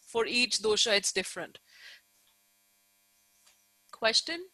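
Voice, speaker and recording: Woman, fairly high pitch, very bright forceful tone, dry close sound, informal lecture style, emphatic explanations. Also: lively intonation, slow, no room sound, poor audio. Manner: explanatory and emphatic, repeats key points, often checks understanding. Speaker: Ayurveda teacher giving an online lecture. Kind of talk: informal live online lecture with check-in questions.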